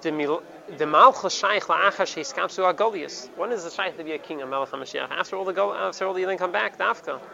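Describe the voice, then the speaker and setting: A man's voice: high-pitched, fast, gravelly, bright, forceful tone, faint music behind. A man teaching a Torah lesson, stopping and repeating words and mixing Hebrew terms into his English. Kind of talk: Talmudic study lesson. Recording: dull lo-fi recording with crowd behind. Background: crowd noise.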